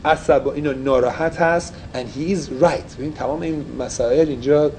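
Man teaching a relaxed Torah class. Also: a little high, slight background noise, rough recording. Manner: mixes Persian and English, explains phrases.

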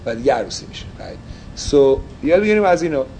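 A man's voice: fairly high pitch, animated, dark tone, slight background noise, low-quality recording. A man teaching an informal Torah study class, mixing Persian with English and explaining phrases as he goes.

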